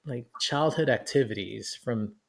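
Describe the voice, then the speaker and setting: Podcast co-host: a New York-born man in his forties, chatty, easygoing, mid-pitched. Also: unhurried, gravelly. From New York City. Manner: chatty, animated, laughing as he reminisces. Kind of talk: podcast conversation.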